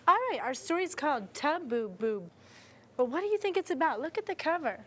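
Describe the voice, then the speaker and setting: A woman in her twenties who teaches afterschool speaks in a high, sing-song voice at a brisk pace. She explains her teaching methods and leads a children's read-aloud, sounding expressive and encouraging throughout.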